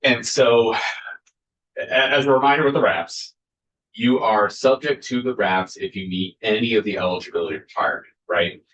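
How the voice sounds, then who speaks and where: A man with a very low voice explains an amendment to a legislative committee. He talks carefully, pausing often with fillers and restarting his sentences. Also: a bit bright, lo-fi sound. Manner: careful, halting, many fillers. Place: state senate committee room.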